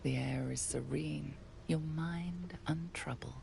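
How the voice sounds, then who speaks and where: A woman giving measured, atmospheric scripted narration for a game. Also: low-pitched, creaky, mellow, slight background noise, exaggerated voice. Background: game music.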